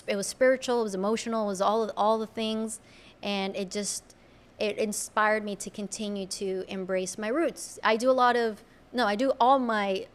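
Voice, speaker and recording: Female podcast guest, Colombian-born Spanish native; mid-pitched, earnest, reflective, halting restarts. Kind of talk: casual conversational interview.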